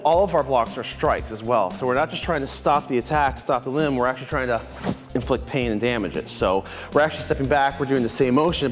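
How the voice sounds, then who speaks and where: A man's voice: mid-range voice, long reverb tail. A man in his thirties, a martial arts instructor, methodically explaining and comparing blocking techniques. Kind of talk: instructional commentary. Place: martial arts dojo, indoors. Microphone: lapel mic, medium camera shot.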